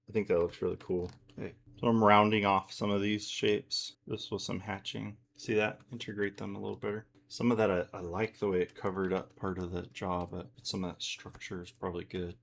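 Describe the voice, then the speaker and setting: A man with a low, gravelly voice talks loosely through his digital painting on a live stream. He rambles and thinks aloud as he works, with the odd swear word, and sounds easygoing and unhurried. A faint hum sits under his voice. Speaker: artist streaming a drawing session. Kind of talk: casual running commentary while digitally painting.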